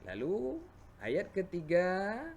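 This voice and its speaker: Slow, high-voiced Indonesian teacher. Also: male voice, wildly swooping pitch, a little hiss or hum. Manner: slow, patient explaining, asks and answers his own questions; chants verses slowly and loudly, drawing out notes. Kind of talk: Quran recitation lesson for children.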